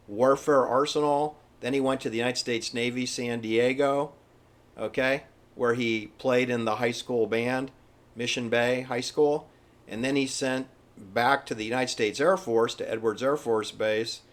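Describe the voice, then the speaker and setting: A man giving informal, opinionated history commentary in an emphatic, halting, repetitive manner. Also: mid-range voice. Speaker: presenter. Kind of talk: informal conspiracy-history commentary over pictures.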